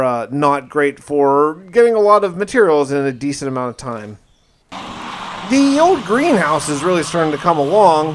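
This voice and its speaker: Hosting a gaming video, a man gives casual first-person commentary dotted with folksy exclamations and mild slang. His voice runs on the high side.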